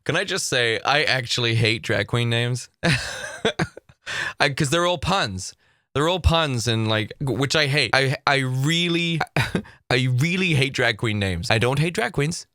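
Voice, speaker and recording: Reacting to clips from his streaming room, a Northern Irish goth host delivers casual commentary full of quick asides and frequent laughter. His mid-range voice is a little hoarse from vocal fatigue, captured by a desk mic on a boom arm with studio-quality sound and no echo.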